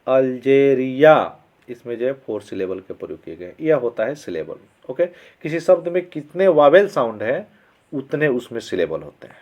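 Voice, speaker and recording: A man teaching English grammar as a lesson, explaining in Hindi. He reads the English examples slowly and often checks that his students are following. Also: mid-range voice, sing-song, darkish tone. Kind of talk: classroom-style grammar lesson. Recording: slightly dull lo-fi sound.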